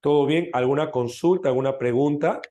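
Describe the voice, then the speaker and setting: A man's voice: on the high side, brisk, warm tone. A man with a Peruvian accent teaching a live language class, teasing his students and often asking them to confirm they follow. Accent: Peruvian Spanish.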